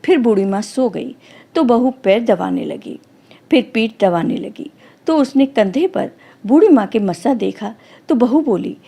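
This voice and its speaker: Mellow-voiced woman telling a devotional tale. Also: on the high side, animated, a little slow, gravelly, breathy edge. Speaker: storyteller. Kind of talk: devotional story narration.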